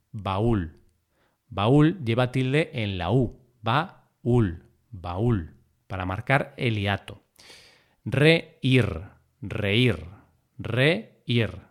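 A man narrating a scripted spelling lesson, repeating example words with deliberate, careful syllable stress. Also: medium pitch. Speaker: language teacher.

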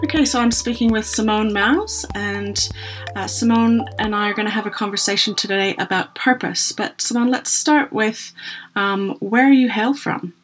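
A woman hosts a casual interview podcast at a mid pitch. She draws out her guest with friendly questions and brief encouraging responses. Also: moderate pace, soft background music. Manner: encouraging, short affirmations. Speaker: podcast host.

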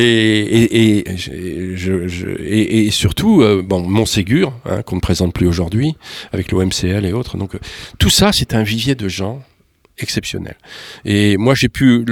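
A man with a Parisian French accent giving an interview as an event organiser, speaking effusively in a halting, digressive way. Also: lowish voice, gravelly, dry recording, studio quality. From Burgundy, France. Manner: effusive, digressive, halting delivery with repeated words. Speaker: concert organiser, interview guest. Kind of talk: conversational radio-style interview.

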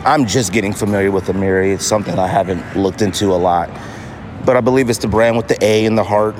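This podcast host is an American man with a fairly low pitch who talks fast. His casual solo monologue leans on repeated phrases for emphasis, and the noisy city street around him adds traffic, banging and street noise.

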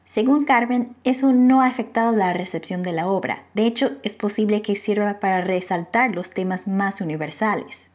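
A woman reporter delivering scripted narration for a radio feature. Her reading is measured and even. Her voice sits at a middling pitch for a woman.

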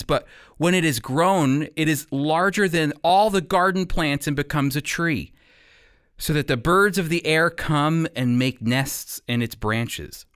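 Close on a studio mic with no room sound, an American radio host teaches the Bible through prepared, deliberate, emphatic storytelling. His voice sits a little high and is smooth, with a fairly bright tone.

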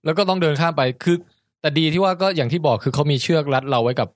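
An animated man co-hosts a casual podcast chat and tells a story at a fast clip. His voice sits a bit high for a man. The recording is dry and close. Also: no echo. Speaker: podcast co-host.

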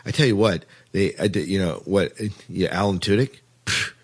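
A low-voiced man speaking at normal speed hosts a casual podcast chat about television, informal and enthusiastic in how he talks.

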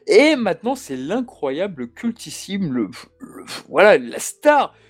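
A man hosting a casual chat, talking with animated enthusiasm. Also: sits high, slow.

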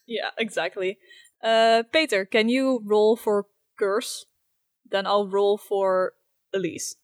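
A woman's voice: medium pitch, steady tone, takes it slowly, no room sound, clean studio sound. A woman narrating a tabletop role-playing game casually as game master, with a playful manner.

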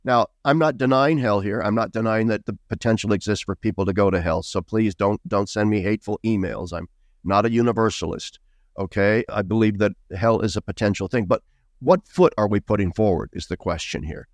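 A man's voice: lowish voice, a little fast, no room sound, clean studio sound. A middle-aged man speaking as a guest author in an interview, earnest and emphatic, with bursts of raised emphasis. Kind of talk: interview conversation.

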